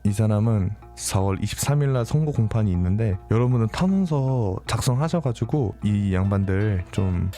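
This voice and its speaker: Low, dark-voiced man ranting about a crime. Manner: angry, swears often. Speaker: true crime channel host. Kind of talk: reading news and ranting commentary.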